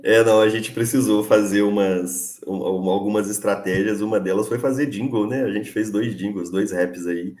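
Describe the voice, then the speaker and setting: Earnest man with a deep voice, echoey. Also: steady tone, moderate pace, hardly any pauses, darkish tone. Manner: earnest, plain-spoken, many fillers. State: sick with a cold, coughing. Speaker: delivery worker organizer, guest. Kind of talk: casual live interview.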